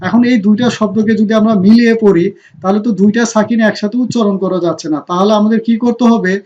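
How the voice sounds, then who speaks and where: High-voiced man teaching Arabic. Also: darkish tone, highs cut off. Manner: repeats "dear students", asks and answers his own questions; drills short syllables one by one, slowing down to spell out Quranic phrases. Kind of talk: recorded online grammar lesson.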